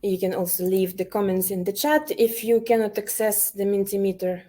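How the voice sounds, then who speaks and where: With a mid-range, dark-toned voice, a Ukrainian woman who teaches elementary school leads an online workshop on a video call. She often pauses, uses fillers and restarts her sentences.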